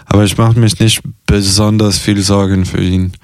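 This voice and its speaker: A young man, half Italian, talking openly as an interviewee with many pauses, fillers and restarts. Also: fairly low pitch, level tone, darkish tone, dry recording, clean studio sound. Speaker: interviewee, circus artist and carer. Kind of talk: casual personal interview.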